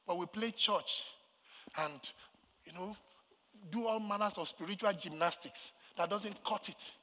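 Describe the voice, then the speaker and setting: High, bright-voiced Nigerian pastor preaching. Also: male voice, unhurried, in a large hall. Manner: dramatic, swinging from quiet asides to shouted, sing-song preaching. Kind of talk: sermon.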